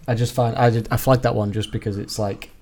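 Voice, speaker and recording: A man co-hosting a podcast, giving strong opinions and trailing off quietly. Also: mid-range voice, fairly even intonation, a little fast. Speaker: podcast co-host. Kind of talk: casual chat.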